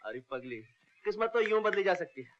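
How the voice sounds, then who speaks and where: Casting: a cocky, teasing young lover, bright lively voice. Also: male voice, high-pitched, a little fast, lo-fi sound. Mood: playful. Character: swaggering rough-edged young man, playful lover. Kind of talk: 1970s Hindi film dialogue.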